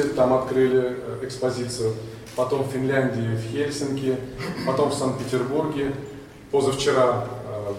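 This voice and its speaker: A man's voice: mid-range voice, a little mellow. A man hosting an exhibition opening, addressing the guests and introducing speakers. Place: large reverberant indoor hall. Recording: very echoey hall, distant mic, faint noise.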